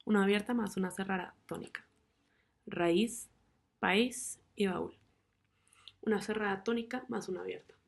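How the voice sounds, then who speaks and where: A young woman narrates a class presentation on grammar rules. Her mid-pitched voice has a light gravelly fry, and she reads through rules and example words in a measured, steady way. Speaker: student presenter.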